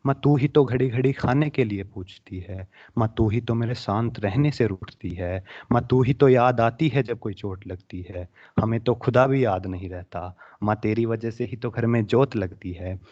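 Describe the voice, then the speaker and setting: A young man reciting his own emotional poem at a student poetry competition, his voice swelling with feeling and then dropping to soft, hushed passages. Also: fairly low pitch, normal speed, few pauses. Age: young adult. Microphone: online webinar microphone. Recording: dull lo-fi webinar audio.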